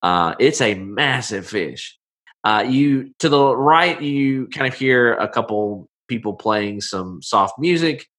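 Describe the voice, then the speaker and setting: A man improvising narration as game master of a tabletop game, informal, halting and folksy. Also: medium pitch, animated, a bit bright.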